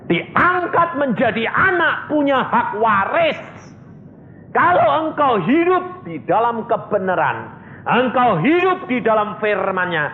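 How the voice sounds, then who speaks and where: Pastor man preaching, pitch jumps all over, echoey thin phone-like sound. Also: a little hiss or hum. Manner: animated preaching, swinging between high excited asks and low confiding asides. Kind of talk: sermon.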